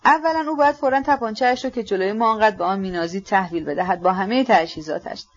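A woman's voice: medium pitch, dull audio, natural voice. A woman reading aloud, voicing a fussy, agitated middle-aged male landlord who insists obsequiously. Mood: insistent.

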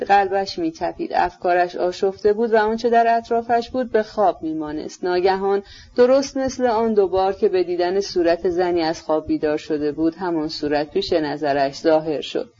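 Steady audiobook narrator, lo-fi. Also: medium pitch. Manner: steady, measured literary reading. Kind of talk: scripted novel narration. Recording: slightly dull lo-fi recording.

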